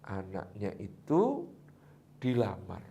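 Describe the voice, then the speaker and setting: A man telling a religious tale in a relaxed, animated chat. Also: fairly low pitch, slow, gravelly, muffled recording, slight background noise. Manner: lively, animated, laughs at his own story. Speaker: religious storyteller. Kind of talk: casual storytelling chat.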